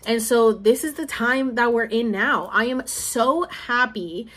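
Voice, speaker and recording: A young Puerto Rican woman who vlogs about spirituality gives a rambling monologue update, repeating herself for emphasis and leaning heavily on fillers. Her voice is on the high side, a bit bright, and unhurried.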